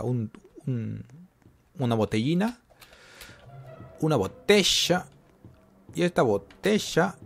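Guy doing lets-play commentary, husky voice, pitch jumps all over, keys clacking behind. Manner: jumpy, talks to himself while playing. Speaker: gameplay commentator. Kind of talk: casual gameplay commentary.

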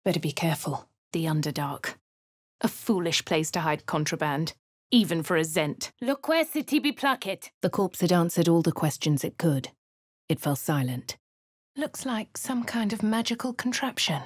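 A woman with a fairly low, husky voice plays a posh young English adventurer in game voice lines, moving between quiet inner narration, hushed whispers and shouted spell incantations. Her delivery is animated and moderately paced with a brooding mood, recorded in a clean studio with no echo.

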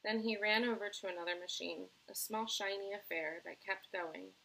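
Gravelly teacher reading a storybook aloud. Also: female voice, mid-range voice, moderate pace, rough recording. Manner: expressive, friendly storytelling with small self-corrections. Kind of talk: reading a book aloud to children.

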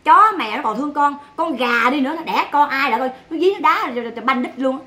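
Southern Vietnamese woman streamer, high bright voice, blunt and mocking. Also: expressive, quick pace. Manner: scolding, sarcastic, blunt. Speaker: livestreamer. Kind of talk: ranting livestream commentary.

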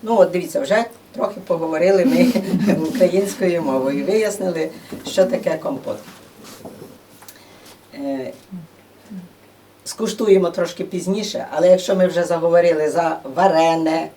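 A dark-toned, lowish female voice at a moderate pace, with a little hiss or hum in the recording. As presenter at a museum gathering, she gives a casual, chatty talk in a museum room, explaining with many fillers, recorded on a distant room microphone.

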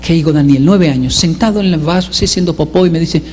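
Animated man telling stories on stage. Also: on the high side, fast talker, in a large hall, highs cut off. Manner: animated, acts out voices, self-mocking. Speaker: comedian. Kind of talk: stand-up storytelling.

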